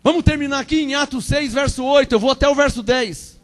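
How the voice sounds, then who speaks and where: A Brazilian man in his forties preaches with a strikingly high voice for a man. He repeats his lines for emphasis and swings between ringing proclamations and hushed asides. His Brazilian Portuguese accent comes through clearly. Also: fast talker. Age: 40s. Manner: fervent, repetitive, swings between loud proclamation and quiet asides. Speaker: pastor. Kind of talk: Pentecostal sermon.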